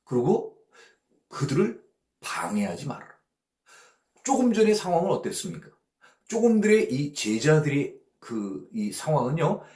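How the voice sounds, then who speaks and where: A male pastor teaching a Bible study, his pitch rising and falling with animation. He reads verses slowly in English and keeps asking rhetorical questions. The sound carries a roomy echo. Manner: reads verses in slow English, asks rhetorical check-ins.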